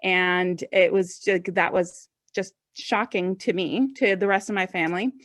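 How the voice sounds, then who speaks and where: A woman's voice: lowish voice, unhurried, no echo, studio quality. A woman in her forties from Ecuador telling her own story as a forum panelist, chatty with frequent ums and restarts. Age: 40s. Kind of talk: personal storytelling.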